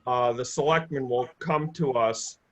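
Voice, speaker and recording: A man chairing a town board of finance meeting over a video call, speaking in a measured, steady way with frequent fillers. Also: medium pitch, poor audio. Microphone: computer mic on a video call.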